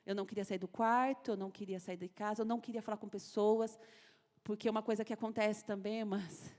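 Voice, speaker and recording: In an echoey church sanctuary, a Brazilian woman with a Brazilian Portuguese accent shares an earnest, emotional personal testimony at a women's service, repeating phrases as her story unfolds. Her voice is medium in pitch and somewhat dark, with little pitch movement, and she speaks fairly quickly.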